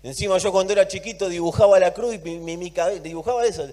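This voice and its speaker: High-voiced Argentine preacher in a hall. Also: male voice, quick pace. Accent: Argentine Spanish. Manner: emphatic preaching, swings between loud and soft, repeats words for emphasis. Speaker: pastor. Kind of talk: sermon.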